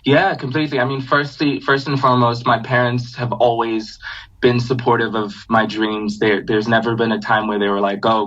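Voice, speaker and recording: A young man from Zambia, raised in Botswana, talks through his story in a relaxed, unhurried podcast chat. His voice sits fairly low and comes through slightly dull, with a lo-fi edge to the recording. He fills his sentences with easy pauses and "you know". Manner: relaxed storytelling with many fillers. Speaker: guest singer-songwriter.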